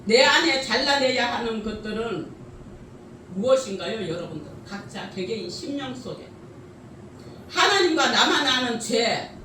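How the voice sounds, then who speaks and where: High, lively woman preaching in an echoey hall. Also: slight background noise. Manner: lively preaching with rhetorical questions and frequent laughter. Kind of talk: sermon. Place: church sanctuary. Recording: echoey church hall from a distance.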